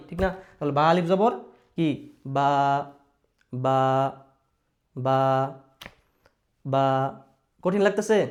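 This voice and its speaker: A fairly high-pitched man with a Bangladeshi Bengali accent teaches Quran recitation. He repeats each rule patiently and checks in with his pupils. He stretches out sounds as he models them. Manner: patient, repetitive, asks pupils questions and models drawn-out sounds. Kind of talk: recitation lesson.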